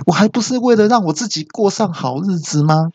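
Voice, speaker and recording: A man voicing a self-pitying middle-aged father, complaining loudly. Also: high voice, lively intonation, brisk, husky, no echo, pitched above the performer's own voice. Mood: whining. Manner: whining, complaining, exclamatory. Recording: dull dry recording.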